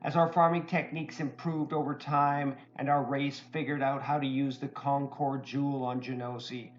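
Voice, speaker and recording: A man voicing a courteous, well-dressed male kobold merchant who speaks formally, pitched a little above his own voice. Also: level tone, normal speed, dull audio, faint music behind, natural voice. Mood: earnest storytelling.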